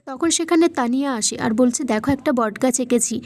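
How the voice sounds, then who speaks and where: A woman reading a plot recap of a TV serial episode, telling the story in a steady way and voicing the quoted lines in the same voice. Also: high-pitched, moderate pace.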